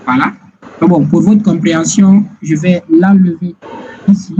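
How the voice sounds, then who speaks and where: A man teaching English grammar in a slow, repetitive classroom style, often checking whether listeners follow. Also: high voice, steady tone, music in the background. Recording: dull lo-fi sound with clear background noise.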